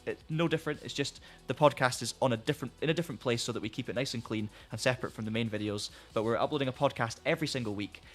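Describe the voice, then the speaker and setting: Male streamer, mid-pitched, casual and rambling, a bit hoarse, faint music bed. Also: very fast, hardly any pauses. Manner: rambling, friendly, many restarts. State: losing his voice. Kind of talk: casual live-stream chat.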